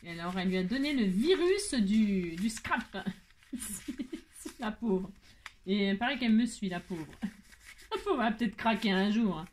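A woman's voice: medium pitch, lively intonation, brisk, a little mellow, a little hiss or hum. Gushing woman crafter chatting casually. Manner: effusive, gushing, repeats "trop joli"; coos to her cat in baby talk. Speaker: craft vlogger. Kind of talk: casual chat while opening mail.

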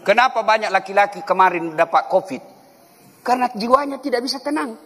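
A man giving a humorous mosque sermon as a preacher, animated and jokey, acting out little dialogues for the congregation. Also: high-pitched, brisk, a little hiss or hum. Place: large mosque. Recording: long hall reverb in a large mosque.

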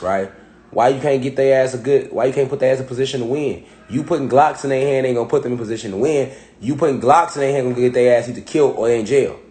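This commentator, a man in his thirties, reacts to rap songs by calling out a rapper directly and confrontationally in heavy street slang. His voice sits in the mid-range and has a slightly mellow quality.

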